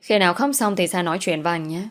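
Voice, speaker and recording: A woman voicing a cool, teasing husband and boss who talks calmly. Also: on the low side, quick pace, close to an everyday voice.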